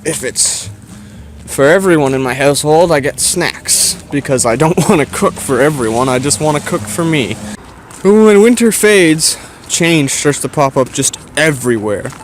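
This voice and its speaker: A man's voice: fairly high pitch, expressive, moderate pace, a little hiss or hum. A man with a Canadian accent chatting casually to his viewers in a hesitant, meandering way while out and about. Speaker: vlogger. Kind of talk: casual rambling chat to viewers.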